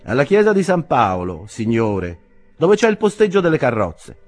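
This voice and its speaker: A man voicing a cheeky, quick-witted young man who cleans boots at an inn. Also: mid-range voice, wildly swooping pitch, a little mellow, faint music behind, voice pushed up. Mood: polite. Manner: cheeky, piqued.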